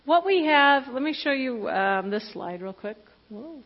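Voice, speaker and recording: A woman of fifty giving a candid, conversational sermon about her own life, with fillers and quick self-corrections. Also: high-pitched, expressive. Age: 50s. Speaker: preacher. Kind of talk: personal testimony sermon. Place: church hall. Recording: dull lo-fi recording with long hall reverb.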